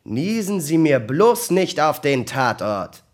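A man's voice: mid-range voice, lively intonation, slow, pitched above the performer's own voice. Man voicing a grumpy, bored male detective. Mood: dry. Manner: gruff, dry, bored. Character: grumpy, laid-back male detective, adult.

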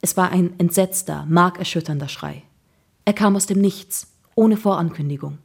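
A woman's voice: on the low side, normal speed, darkish tone, breathy edge. A woman narrating a children's crime audiobook in a suspenseful storytelling manner.

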